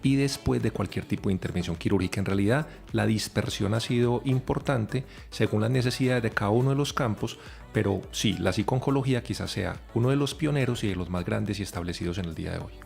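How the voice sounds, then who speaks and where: Male psychologist guest, low voice, lecturing with pauses, soft music behind. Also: vocal fry. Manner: explanatory, lecturing, with hesitations. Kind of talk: radio podcast interview.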